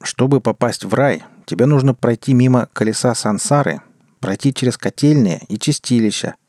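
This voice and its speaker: A man voicing the left head of a three-headed hell dog, chatty and talking in a rough tenor. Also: medium pitch, lively intonation, normal speed, darkish tone, no room sound, studio quality, pitched above the performer's own voice, lightly acted.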